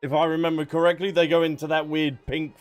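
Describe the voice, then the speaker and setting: Talking fast in a level, slightly high voice, a game streamer chats casually with his viewers about the game he's playing. Game music runs in the background.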